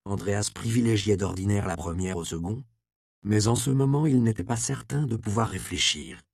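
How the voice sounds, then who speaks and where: A man narrating a historical novel in a steady, measured reading. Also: on the low side, vocal fry, dry recording, clean studio sound. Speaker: audiobook narrator. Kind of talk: scripted narration.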